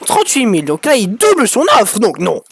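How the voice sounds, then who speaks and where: A gaming YouTuber gives excitable, crude let's-play commentary, bursting into sudden shouts. His voice is high-pitched, brisk, husky, and full of vocal fry, captured in a dry recording.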